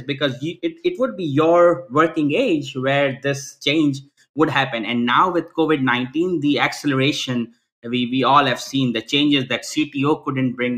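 On a video call, a Pakistani guest in a mid-range, slightly bright voice answers interview questions earnestly. He keeps restarting phrases, and "right?" tends to mark the end of each point.

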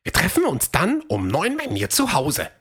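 A woman voicing Fred, a fast, eager male dinosaur runner in a children's audio story, in a high, excited voice. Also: slightly rough, heavily acted.

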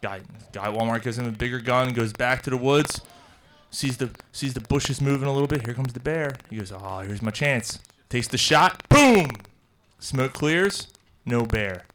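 A man's voice: mid-range voice, normal speed, a bit bright, a little hiss or hum, poor audio. A man hosting a casual podcast from a brewery bar, telling crude jokes with loose storyteller banter. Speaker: podcast host.

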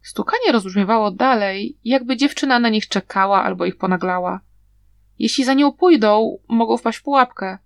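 A woman reading an audiobook as narrator, telling the story in a steady, even way. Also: fairly high pitch, moderate pace, vocal fry, dry recording, studio quality.

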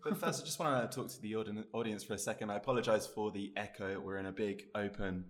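A quick-talking British man co-hosts a relaxed podcast chat. His voice rings around a big open lounge with a cave-like echo. He keeps things brisk and chatty. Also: lowish voice. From Britain. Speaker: podcast co-host. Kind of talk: casual chat. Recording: echoey open room.

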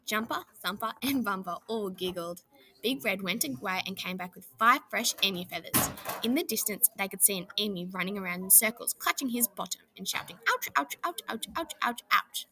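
Brief: woman storyteller, bright clear tone, gentle children's book reading with questions to the listener. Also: medium pitch, brisk, slight background noise.

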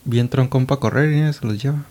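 A man's voice: medium pitch, brisk, darkish tone. A man with a Mexican Spanish accent chatting casually about soccer with friends.

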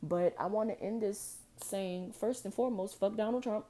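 A woman's voice: mid-range voice, normal speed, dark tone. A young woman hosting her own podcast, venting frustrations in a passionate, profane monologue that runs emotional and close to tears. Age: young adult. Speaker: podcast host.

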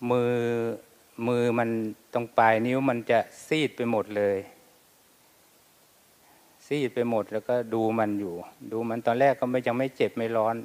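Male monk, personal recollection, halting delivery with repeated words, mid-pitched voice, reverberant hall sound. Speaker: Buddhist monk.

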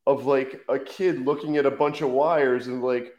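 Co-host, male, mid-pitched, critical, stammers, roomy echo. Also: steady tone, normal speed, darkish tone. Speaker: podcast co-host. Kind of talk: casual show review chat.

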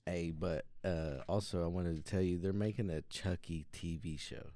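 A man's voice: deep voice, fairly even intonation, normal speed, mellow. A man co-hosting a casual podcast, laid-back and slangy, laughing often. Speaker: podcast co-host. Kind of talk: casual stoner chat.

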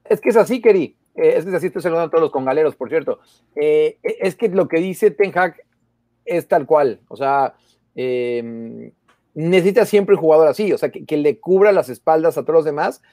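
Male football correspondent, mellow and slightly high voice, rambling casual delivery with restarts. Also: expressive, brisk, no room sound, studio quality. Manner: chatty, with hesitations and repeated words. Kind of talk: casual sports talk. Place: abroad, in the Netherlands.

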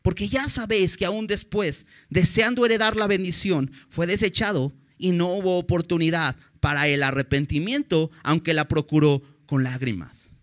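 A man's voice: high-pitched, moderate pace, few pauses, a bit bright. A man preaching a sermon in an earnest, direct way, often putting questions to his listeners.

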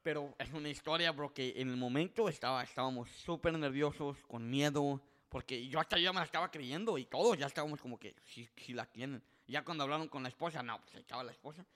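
A man, a podcast guest telling a story in a casual, animated way. He often restarts his sentences and slips into the voices of the people in it. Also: medium pitch, fast talker, few pauses. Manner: animated, acts out quoted voices, frequent restarts.

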